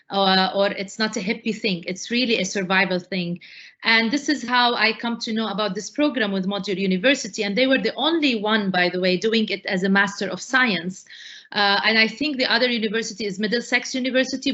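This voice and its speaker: A woman's voice: medium pitch, sharp tone, dull audio. A middle-aged woman from Lebanon, a startup advisor, answering interview questions with enthusiasm and frequent "uh" fillers.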